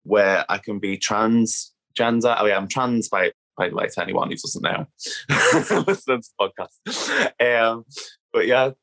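Guesting on a podcast from her home, a woman from Liverpool, England, talks openly and casually in a thick Scouse accent, dropping "like" often. An activist, she has an extremely low voice with lively intonation and a fairly bright tone, speaking unhurriedly.

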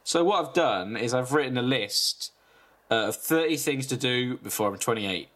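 Deadpan young man. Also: mid-range voice, normal speed. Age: 20s. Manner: deadpan, reading a list with asides. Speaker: podcast co-host. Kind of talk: comedic casual chat.

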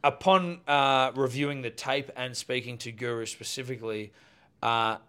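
A man hosting a casual podcast, telling stories with lively asides. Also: mid-range voice, moderate pace, clear, resonant tone. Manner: animated, storytelling with asides. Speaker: podcast host. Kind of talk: casual banter.

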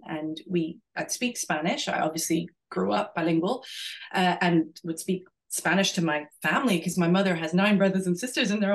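A middle-aged woman from Venezuela speaks in a low voice. She is a guest in a podcast interview and answers thoughtfully, pausing, restarting and filling gaps as she goes. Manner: reflective, many restarts and fillers. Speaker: podcast guest, executive coach. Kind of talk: conversational interview.

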